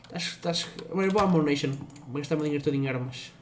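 Young Portuguese streamer, swearing and teasing. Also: male voice, on the high side, quick pace, slight background noise. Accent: European Portuguese. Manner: swears a lot, teasing and loose, often laughing. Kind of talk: casual gaming stream chat.

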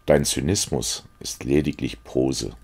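A man's voice: extremely low pitch, a little slow, a little mellow, slightly rough, exaggerated voice. A man reading aloud as an earnest, secretive young painter who confides and pleads. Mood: earnest, confiding.

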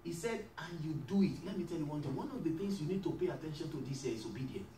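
A man with a high voice preaches a sermon in an echoey church hall, the mic a little far off. He calls out questions for the congregation to answer and builds to shouts. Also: fast talker, a little hiss or hum. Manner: call-and-response preaching, rising to shouts. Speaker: pastor.

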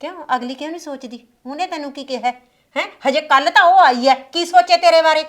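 Picture a stern village matriarch, played by a woman, her voice set high, who turns from gentle coaxing to fierce scolding and threats. She is middle-aged, caring toward her family, and sharp-tongued toward her son. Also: fast, lightly acted. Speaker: mother and mother-in-law. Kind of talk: village family drama acting.

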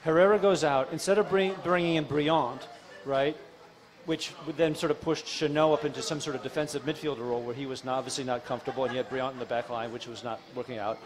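A middle-aged man co-hosting a soccer post-game show in a bar, with a quick, dry, teasing way of talking. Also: medium pitch, steady tone, a crowd in the background. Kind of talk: casual post-game analysis. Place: dim bar. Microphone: studio mic on stand with foam cover, headphones.

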